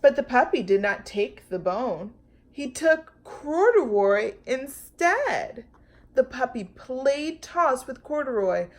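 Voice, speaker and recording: A high-voiced woman reads a children's picture book as a storytime host, using expressive narration, drawn-out words and playful sound effects.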